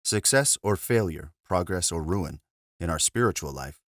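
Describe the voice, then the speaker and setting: A man, a monk, reading a spiritual book aloud in a measured, earnest way after a brief casual intro. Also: low-pitched, animated, no room sound, studio quality.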